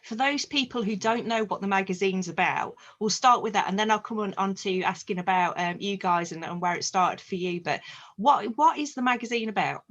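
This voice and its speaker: A woman's voice: medium pitch, a little fast, fairly bright tone, highs cut off. Northern english lady hosting a podcast, friendly, restarts a bit. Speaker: podcast host. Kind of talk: casual interview.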